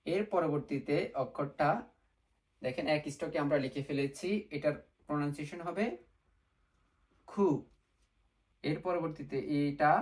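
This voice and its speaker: A man teaches a beginner class at an unhurried pace. He repeats each sound several times and asks himself questions before answering them. English words slip into his speech now and then. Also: on the high side, darkish tone. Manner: patient and repetitive, drills sounds aloud, rhetorical questions. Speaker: language teacher. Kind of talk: step-by-step beginner lesson.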